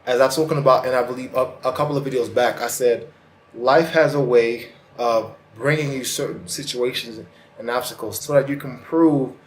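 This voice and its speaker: A reverberant recording of a man speaking at normal speed, medium in pitch with fairly even intonation. His retainer makes his speech slightly lisping and slurred as he, the host of a self-help vlog, gives the viewer a casual, earnest, colloquial motivational talk.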